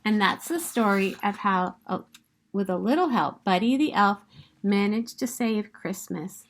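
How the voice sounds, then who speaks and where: Unhurried and medium-pitched, a woman reads a children's picture book aloud with an expressive, emphatic storytelling manner.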